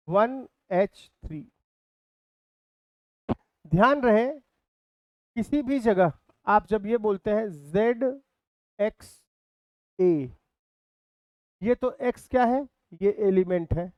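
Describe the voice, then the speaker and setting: A man's voice: high-pitched, clean tone, no room sound, highs cut off. A man teaching a physics class in speech, repeating key terms and asking his students questions. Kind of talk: classroom lecture.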